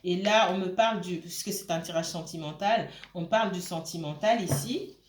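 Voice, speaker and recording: Speaking in a lowish voice at a steady pace, a tarot reader offers a relaxed reading that stumbles through fillers and false starts while she checks on her audience. Background noise and a roomy echo color the recording.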